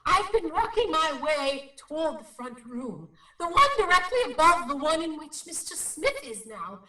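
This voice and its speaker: High-voiced, dramatic psychic investigator. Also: female voice, very animated, moderate pace, sharp tone, heavily acted. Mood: intent, excited. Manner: formal, precise, dramatic reporting. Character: solemn, self-important female psychic investigator. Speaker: actor playing a paranormal investigator. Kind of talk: radio drama acting. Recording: roomy, slightly distant microphone.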